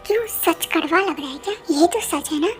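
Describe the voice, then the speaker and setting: In a fan audio drama, a woman with a very high-pitched, brisk voice plays an angry, jealous young woman who accuses her partner of abandoning her. Her performance is accusing, sulky, and fiery, with music playing behind.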